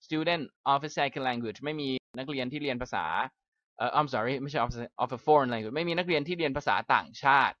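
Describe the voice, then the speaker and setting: A man with a Thai accent, a native Thai speaker, reads a passage aloud slowly and carefully, then explains it in a quick, chatty way as an English teacher. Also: mid-range voice, a bit bright. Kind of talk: reading aloud and explaining in a lesson. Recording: slightly dull, dry recording.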